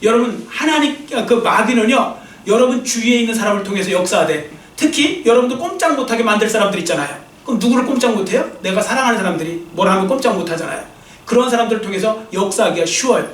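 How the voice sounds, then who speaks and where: High-voiced preaching man in an echoey church. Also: a bit bright, far from the mic. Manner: emphatic preaching, addresses congregation directly, jokes with them. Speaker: pastor. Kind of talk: sermon.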